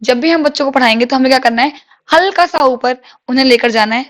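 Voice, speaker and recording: Woman, high voice, teacher, exam-prep lecture, asks questions. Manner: reads English questions slowly, explains in Hindi with rhetorical questions.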